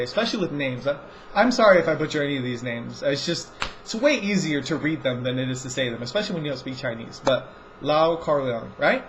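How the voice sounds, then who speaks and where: A man's voice: fairly high pitch, muffled recording, slight background noise. A man hosting a movie review show, talking in a casual rambling monologue and often stumbling and restarting his sentences.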